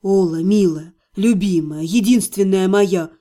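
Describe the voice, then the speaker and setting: A woman's voice: mid-range voice, a little slow, warm tone, pitched below the performer's own voice, lightly acted. A woman reading an audiobook voices a young male necromancer who coaxes his beloved tenderly. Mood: pleading. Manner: tender, coaxing.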